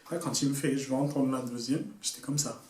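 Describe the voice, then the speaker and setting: A man's voice: mid-range voice, steady tone, quick pace, a little mellow. A young man telling a story to camera in a casual, slangy way, full of asides. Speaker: YouTuber. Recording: echoey room, a bit far from the mic, faint noise.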